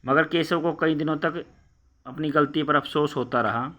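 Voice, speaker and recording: A man's voice: a little high, moderate pace, sharp tone. A man teaching schoolchildren, reading a story line by line and explaining each part again in simple words. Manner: reads a line, then re-explains it in simple words with many fillers. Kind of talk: explaining a story lesson to children.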